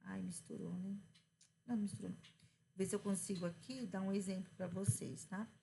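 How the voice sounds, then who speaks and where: Brazilian woman teacher, chatty and emphatic, with a gravelly voice and faint hiss behind. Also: mid-range voice, fairly even intonation, warm tone. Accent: Brazilian Portuguese. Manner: chatty, drawn-out teacherly emphasis, asks and answers own questions. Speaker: Portuguese teacher. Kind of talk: casual online grammar lesson.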